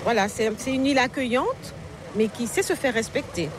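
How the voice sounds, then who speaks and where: In a casual interview conversation, a middle-aged novelist from Paris, France, answers thoughtfully but haltingly, full of "euh"s and restarts, while standing among people at an outdoor market. Her female voice is a little high, with lively intonation at normal speed. Crowd chatter and passing vehicles are heard outdoors.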